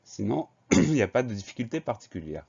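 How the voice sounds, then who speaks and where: A man's voice: mid-range voice, very animated, fairly quick, vocal fry, darkish tone, husky, muffled recording. A man teaching a spelling lesson for children, patiently spelling each word letter by letter.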